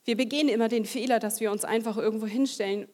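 A woman delivers a testimony sermon to a church audience. She tells her story vividly and acts out the voices she quotes. Her voice sits a little high. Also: steady tone, quick pace, a little mellow. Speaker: lay preacher.

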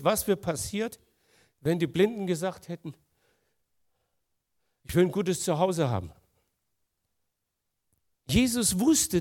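A man preaching a sermon, earnest, moving between quiet, soft passages and emphatic, louder lines. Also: a little high.

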